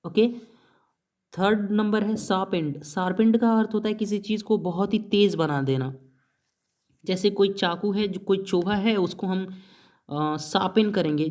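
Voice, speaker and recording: A man's voice: sits high, darkish tone. A man teaching an exam-prep vocabulary lesson, spelling words out letter by letter and asking questions that he answers himself. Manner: asks the class a question, then answers it himself; mixes in English words and spells them out letter by letter. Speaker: English teacher.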